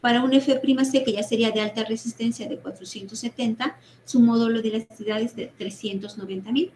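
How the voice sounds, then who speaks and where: A woman lecturer teaches an engineering class online, her voice sitting a little on the high side. She explains patiently, step by step, keeps checking in with quick tag questions and fills her pauses with small hesitation words. A faint hum sits under her voice. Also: steady tone, darkish tone, poor audio. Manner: explanatory, peppers talk with tag questions and fillers. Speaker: university lecturer.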